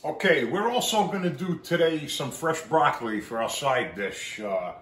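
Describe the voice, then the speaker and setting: A middle-aged man, a chef and cooking show host, gives a casual, informal step-by-step cooking demonstration while working in a home kitchen. His fairly high voice has lively intonation and a fairly bright tone at a moderate pace. Sizzling pans and kitchen ambience fill the background.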